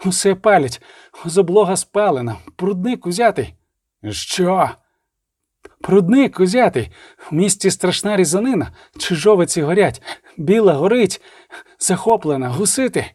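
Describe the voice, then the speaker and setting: A man's voice: high voice, expressive, extremely slow, few pauses, husky, no echo, clean studio sound, pitched above the performer's own voice, exaggerated voice. A man voicing an exhausted messenger gasping out urgent news in an audiobook.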